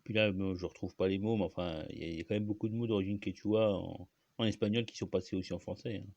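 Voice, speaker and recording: Man, low gravelly voice, dry close sound, rambling solo host full of fillers. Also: fairly even intonation, quick pace, a little mellow, no echo, highs cut off. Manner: rambling, many fillers and restarts, frequent coughs. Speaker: channel host. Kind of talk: casual solo monologue.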